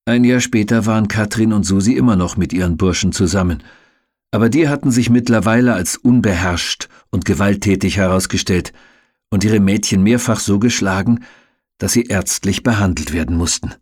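Husky, low-pitched male audiobook reader, dry booth sound, measured. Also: a little mellow, no room sound. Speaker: audiobook narrator. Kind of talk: audiobook reading.

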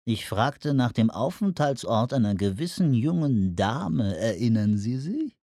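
A man voicing an oily, menacing male villain who speaks slowly and smoothly. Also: medium pitch, big pitch swings, warm tone, no echo, clean studio sound. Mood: oily menace. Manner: slow, smooth and sinister.

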